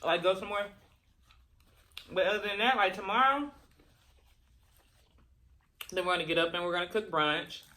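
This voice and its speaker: A woman's voice: mid-range voice, sharp tone. Chatty woman, chewing while talking. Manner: chewing while talking, pausing between bites; chatty, colloquial, rambling. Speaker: mukbang vlogger. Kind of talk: casual chat to viewers while eating.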